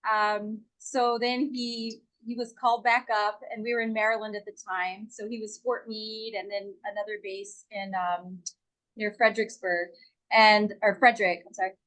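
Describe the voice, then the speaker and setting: A woman's voice: mid-range voice, flat delivery, moderate pace, a bit bright, rough recording. A middle-aged woman chatting as a guest, rambling a little and correcting herself as she goes. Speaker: guest, real estate agent. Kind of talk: casual chat.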